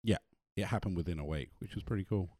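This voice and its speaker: A man's voice: sits low, fast, darkish tone, no room sound, studio quality. An Australian man co-hosting a podcast in casual conversation. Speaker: podcast co-host. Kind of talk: casual chat. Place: at a kitchen table indoors.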